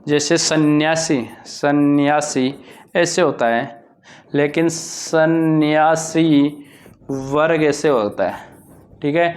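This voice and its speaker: A male teacher giving an exam-prep grammar lesson, with a lilt, drilling answers and asking and answering his own questions. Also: on the high side.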